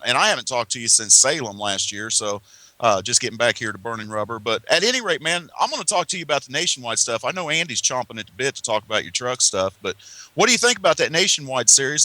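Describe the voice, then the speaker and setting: A man's voice: medium pitch, sharp tone, dry recording, low-quality recording. A man co-hosting a motorsport radio show, laid-back and joking, often tossing in "man". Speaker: radio co-host. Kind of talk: casual motorsport radio talk.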